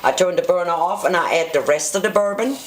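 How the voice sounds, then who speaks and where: A woman's voice: on the low side, fast, echoey room, a little hiss or hum. A woman from Germany with a German accent, explaining a cooking recipe step by step with small grammar slips. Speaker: home cook. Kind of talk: cooking demonstration. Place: home kitchen.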